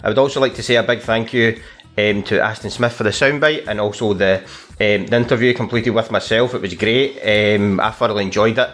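Male podcast host, casual, halting, slightly deep voice. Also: fairly bright tone. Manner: hesitant, many ums.

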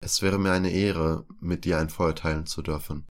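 Man doing a guarded warrior woman, formal and clipped, low voice. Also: steady tone, normal speed, close to an everyday voice. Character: guarded young female warrior, terse.

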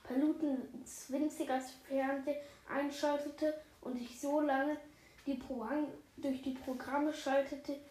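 A woman's voice: high voice, dark tone, echoey room, low-quality recording. A woman reading a children's book aloud, with slips and restarts along the way. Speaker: reader.

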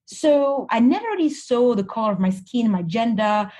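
A woman's voice: a little high, animated, moderate pace, mellow. A woman from Cameroon, a guest in an interview, answering reflectively with frequent restarts and "you know" fillers.

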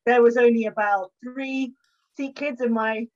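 A woman's voice: on the high side, steady tone, slow pace. A young woman with a southern English accent, a historian guesting on a podcast, telling stories in a chatty, informal, self-deprecating way. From Buckinghamshire, England. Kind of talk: casual conversational storytelling. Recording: dull, band-limited audio.

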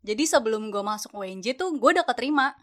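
Her voice a little high, a bit bright, animated and fast, a young woman student chats casually about her story. The speech is slangy Jakarta talk peppered with fillers.

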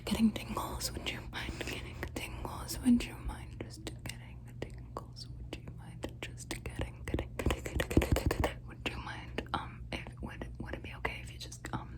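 A woman doing fast-paced whispered ASMR, repeating words and phrases insistently in a pleading way. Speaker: ASMR performer.

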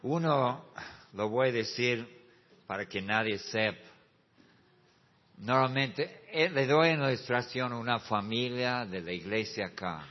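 A male pastor preaching a sermon, moving from quiet, slow asides to shouted, drawn-out climaxes. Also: mid-range voice, animated. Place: church hall. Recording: muffled sound with long hall reverb.

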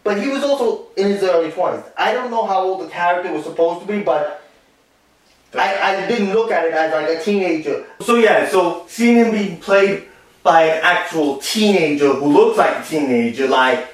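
A man's voice: high-pitched, moderate pace. A man chatting casually about a stage show and its film, rambling with lots of fillers and restarts. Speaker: co-host discussing a musical and its film. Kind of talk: casual chat. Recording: echoey room, distant from the mic.

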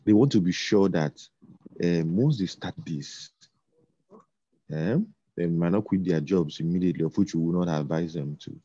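Very deep-voiced man, halting talk. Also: warm tone, no room sound. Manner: halting, repeats words, many fillers. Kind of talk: casual conversation. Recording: dull lo-fi sound.

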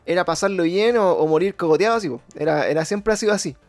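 Brief: Chilean male co-host, rapid, slangy and rambling, higher-pitched. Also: no room sound, faint music behind. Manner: rambling, slangy, frequent restarts. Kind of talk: casual chat.

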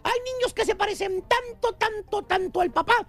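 A man's voice: very high voice, normal speed, a bit bright. A man hosting a radio comedy show, joking and teasing his co-host. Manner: joking, teasing, playful storytelling with voices for other people. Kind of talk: comic radio banter.

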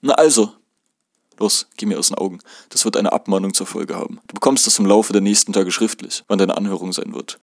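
A strict middle-aged dormitory guard barking orders, as a man reads her part. She speaks in a commanding, no-nonsense way. The voice sits fairly low and the recording is dry and close. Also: fairly quick, vocal fry, dry recording. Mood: dismissive.

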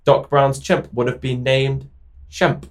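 A man's voice: medium pitch, big pitch swings, quick pace. A man co-hosting a podcast, laid-back and bantering in casual chat. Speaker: podcast co-host.

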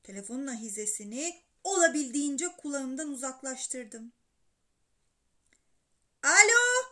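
High, bright woman narrating a kids' story, very lively delivery. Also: normal speed. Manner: animated and expressive. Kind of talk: children's story reading.

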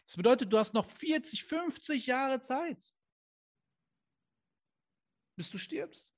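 A man with an extremely high voice, lively intonation and a slow pace gives a motivational talk to camera as a life coach. Earnest and direct, he asks rhetorical questions, breaks into emphatic bursts and weaves in Islamic phrases, using a camera he adjusts himself.

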